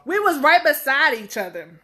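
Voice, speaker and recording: A woman in her thirties vlogging straight to camera, with a rather high, bright and forceful voice. She rambles and speaks bluntly, leaning on fillers as she goes. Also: big pitch swings, normal speed. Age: 30s. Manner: blunt and outspoken. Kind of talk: casual talk to camera.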